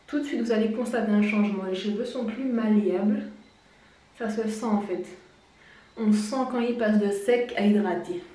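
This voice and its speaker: A beauty vlogger with a mellow, mid-range voice gives a casual hair-care tutorial, chatty and explanatory, now and then laughing at herself. The recording is very echoey, with the mic placed far away.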